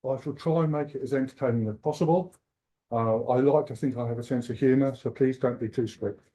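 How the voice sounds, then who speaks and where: A man from England in his sixties, with a medium-pitched, mellow voice, moves briskly through a funny, self-deprecating conference keynote. His manner is chatty and joking, and the hall recording is rough.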